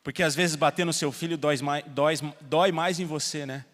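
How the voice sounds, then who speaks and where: A Brazilian man preaching a sermon as pastor, telling stories with soft asides and loud emphasis. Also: fairly high pitch, steady tone, fairly quick. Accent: Brazilian Portuguese. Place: church hall. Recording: long reverb of a church hall.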